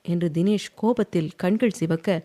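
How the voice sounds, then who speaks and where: A woman narrating a romance audio novel in a steady, even storytelling manner. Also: lowish voice, normal speed.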